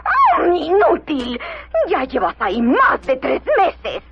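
A woman voicing a hot-tempered, tyrannical villainess in an animated film, scolding in a theatrical, drawn-out way. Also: sits high, exaggerated voice. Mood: furious, scornful. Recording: lo-fi film audio, clear noise.

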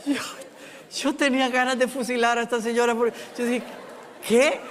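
Pastor guy preaching, pretty high voice, funny storyteller, long echo from a big hall. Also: little pitch movement, a little fast, a bit bright, a little hiss or hum. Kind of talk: sermon.

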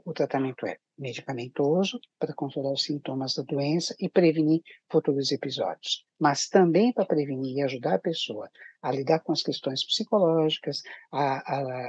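A woman with a Brazilian accent explaining things as a psychiatrist guest, halting and restating her phrases. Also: deep voice, breathy edge, dry recording. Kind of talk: explanatory interview talk. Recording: dull, muffled lo-fi audio.

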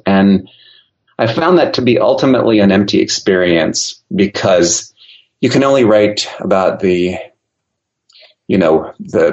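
Low-voiced reflective man, interview guest. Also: muffled recording. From grew up in Austria and Germany. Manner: reflective, loose, with many fillers and restarts. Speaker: podcast guest, travel consumer advocate. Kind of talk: casual interview talk.

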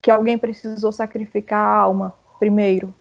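A woman's voice: mid-range voice, little pitch movement, normal speed, vocal fry. A woman writer on a panel, speaking in a playful, joking way and asking rhetorical questions. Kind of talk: casual panel discussion. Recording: muffled lo-fi audio.

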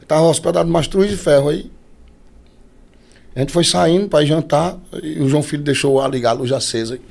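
Um cantor de forró nordestino, homem, contando histórias de bastidor de forma animada, imitando as vozes das pessoas. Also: male voice, a little high, fairly quick, gravelly. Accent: Northeastern Brazilian. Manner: animated, acts out quoted voices. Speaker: forró singer, podcast guest. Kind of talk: casual storytelling.

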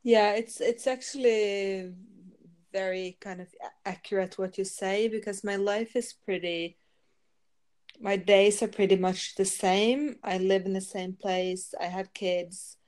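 A Norwegian woman in her thirties, a yoga teacher and psychotherapist, speaks English with a Norwegian accent as a guest in a casual podcast interview, relaxed and laughing lightly. Her voice is medium in pitch and a little mellow, with fairly even intonation and a measured pace.

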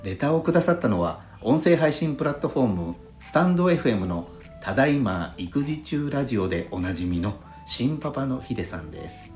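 A man hosting a podcast speaks fairly quickly with few pauses, his mid-range voice very animated as he politely reads listener letters in formal, courteous terms. There's a roomy echo and a faint bed of soft lo-fi flute jazz.

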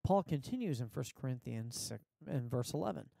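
Male preacher, gravelly and relaxed, earnest informal sermon delivery, dry close sound from a basement setup. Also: medium pitch, moderate pace, no echo. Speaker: Bible teacher, preacher. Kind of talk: informal teaching sermon with scripture reading. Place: basement of a house.

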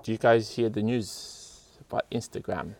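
A man's voice: lowish voice, fairly even intonation, normal speed, darkish tone, dry recording. A man chats as a podcast co-host. His phrasing is slangy and laid-back, and the sound is close and dry. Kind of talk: casual podcast chat.

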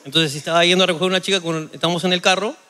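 A Peruvian man co-hosting a comedy podcast, laughing loudly and often and cursing casually as he talks. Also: sits high, fairly even intonation, very fast, faint music behind. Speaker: podcast co-host. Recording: reverberant room with faint noise.

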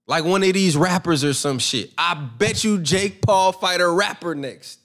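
A man's voice: high voice, a little slow, a bit bright. A brash young man hosting a boxing commentary channel, giving his opinions in a rambling, profane, self-assured way. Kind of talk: casual opinion monologue.

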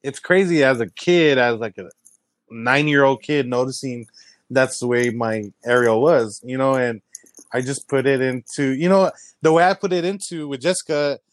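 A young man from San Antonio, telling stories in a casual chat, full of fillers and quick voices of people he mimics. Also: dry recording. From San Antonio, Texas. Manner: animated storyteller, many fillers, quick high-pitched mimicry of others. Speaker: guest, comedy creator.

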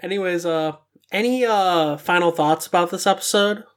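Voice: mid-range voice, normal speed. Young podcast host chatting casually. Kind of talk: casual anime podcast discussion.

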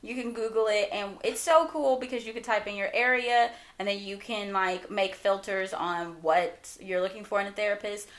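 A woman co-hosting a podcast, chatting in an easygoing way and reacting quickly to her co-host. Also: medium pitch, fairly even intonation, a bit bright. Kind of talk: casual chat.

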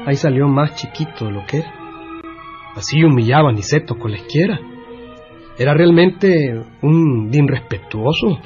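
A man narrates a comic story in a folksy, amused tone and wraps it up with a moral. His voice sits a bit high. Music plays behind him on a dull lo-fi radio recording. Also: expressive, normal speed.

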